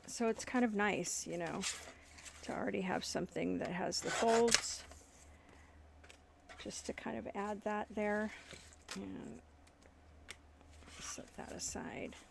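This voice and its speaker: A woman talks slowly through a craft project at her home desk, her voice heavy with gravelly fry. She murmurs quiet asides as she works, over a clear hiss of room noise. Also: medium pitch, steady tone. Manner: unhurried, thinking aloud while working, soft asides. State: yawning, warm. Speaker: crafting channel host. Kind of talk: casual craft tutorial chat.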